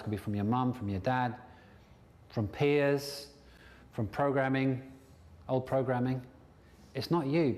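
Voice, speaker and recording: Man lecturing in a reverberant hall. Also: medium pitch. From England. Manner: lively, puts on silly voices to make a point. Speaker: NLP trainer. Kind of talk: seminar talk to an audience.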